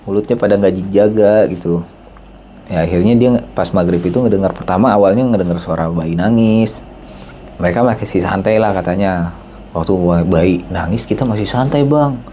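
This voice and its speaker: A man speaking, casually telling a story on a podcast and acting out the dialogue with a jump in pitch. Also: normal speed, slight background noise. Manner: animated, acts out dialogue with raised pitch.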